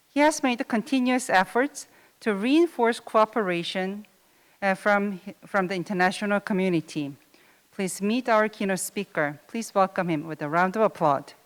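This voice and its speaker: A woman moderating a formal session, giving scripted introductions with occasional small restarts. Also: medium pitch. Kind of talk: formal event hosting. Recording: long hall reverb.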